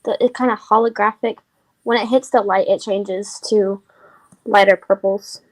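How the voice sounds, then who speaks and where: A woman's voice: mid-range voice, fairly even intonation, moderate pace, low-quality recording. A woman playing a tabletop game, describing things in a thoughtful way. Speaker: player.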